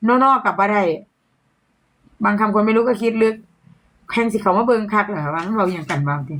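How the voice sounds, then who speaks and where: A woman's voice: medium pitch, fairly quick, a bit bright, low-quality recording. A young adult woman with an Isan Thai accent, chatting playfully as a livestream seller and laughing often. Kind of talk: casual live-selling chat.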